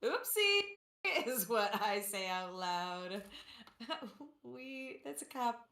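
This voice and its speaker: Woman, game player, playful exclamations, unhurried pace, roomy echo. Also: mid-range voice, a bit bright. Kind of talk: casual game-table chat. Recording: roomy, echoey sound.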